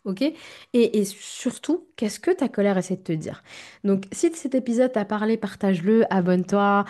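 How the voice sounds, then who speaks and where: A woman's voice: mid-range voice, animated, moderate pace, darkish tone. A woman hosting a self-help podcast, talking straight to the listener and checking in with "ok?". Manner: direct, speaks straight to the listener with frequent "ok?". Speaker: therapist and podcast host.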